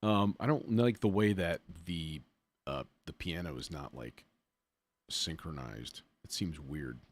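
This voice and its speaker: A man with a low, unhurried voice hosts a livestream as a music producer demonstrating software. He thinks aloud in an informal, slightly self-deprecating way, often muttering to himself as he works things out.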